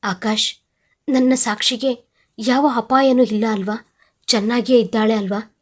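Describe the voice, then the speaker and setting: Weeping frightened mother, read by a woman, storybook role, breathy high voice. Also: measured pace, a little mellow. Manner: weeping, begging.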